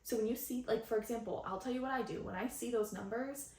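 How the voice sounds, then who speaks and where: A woman's voice: a little high, fast, a little mellow, echoey room. A young adult woman hosting a spiritual podcast, talking earnestly and meanderingly, often tagging lines with "right?", recorded on a phone. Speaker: podcast host and channeler.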